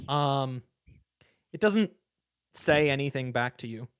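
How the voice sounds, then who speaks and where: A game master improvises scene descriptions for a tabletop game. The talk is casual and halting, searching for words, with a widely varied pitch. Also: lively intonation, clear, resonant tone.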